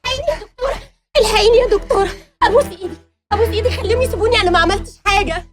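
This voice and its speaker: A woman's voice: very high-pitched, faint music behind. Woman playing a panicked young Egyptian woman. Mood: panicked pleading. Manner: pleading, rushed, tearful. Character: frightened young woman pleading under interrogation.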